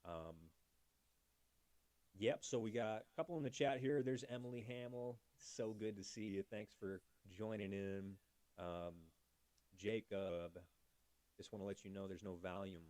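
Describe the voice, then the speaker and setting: A man's voice: on the low side, a little slow, darkish tone, no echo. A man hosting a casual livestream, chatty, thanking viewers by name and talking through fixing his audio. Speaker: livestream host.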